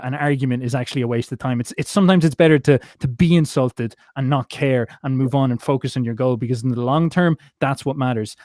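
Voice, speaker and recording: A man's voice: mid-range voice, darkish tone, no room sound, studio quality. Rambling, musing male podcast host. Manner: rambling, musing, many fillers. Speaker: interview host. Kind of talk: casual interview talk.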